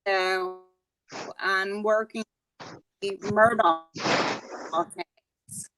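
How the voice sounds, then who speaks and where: A woman from South Carolina, a guest on a live panel, speaking haltingly and restarting her sentences while her call audio breaks up and cuts out. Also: mid-range voice, level tone, poor audio. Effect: call audio breaking up and cutting out. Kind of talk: casual chat. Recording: remote call line with faint noise and clicks.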